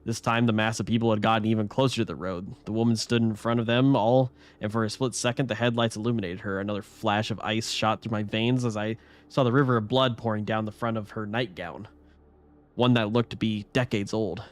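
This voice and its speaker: A man reads a horror story aloud on his live stream in a low voice. He keeps a casual tone and often trips over words and restarts his lines. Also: fairly even intonation, brisk. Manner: casual reading with frequent stumbles and restarts.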